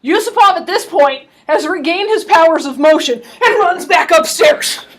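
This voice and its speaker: Lively woman lecturing from a distance. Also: extremely high pitch, moderate pace. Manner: lively, wry, laughing asides. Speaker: history lecturer. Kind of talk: animated storytelling lecture. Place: classroom.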